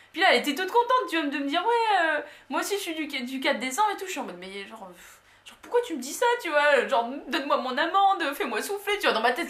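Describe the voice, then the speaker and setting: Animated young French woman telling a story. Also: high voice. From France. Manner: animated, slangy, many fillers. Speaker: vlogger. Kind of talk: casual storytelling. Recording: echoey room.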